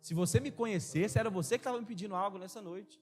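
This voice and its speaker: A calm, humble Jesus speaking softly and kindly, with a fairly high voice, as a male preacher voices him. Faint instrumental music sits underneath. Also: quick pace, natural voice. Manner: soft and lowered, calm. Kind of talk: acted quote within a sermon.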